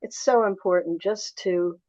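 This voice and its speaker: An older woman from suburban Philadelphia, appearing as an interview guest, tells reflective anecdotes, restarting sentences and quoting dialogue. Her mid-range voice is a little slow and a little mellow, recorded with no echo but lo-fi quality.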